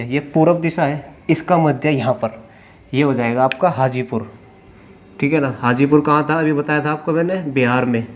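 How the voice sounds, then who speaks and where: A man teaching a lesson, explaining step by step, asking questions and answering them himself, drawling names slowly as he writes. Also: mid-range voice, a little mellow. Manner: drawls place names slowly while writing. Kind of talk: classroom lecture at a board. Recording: faint background noise.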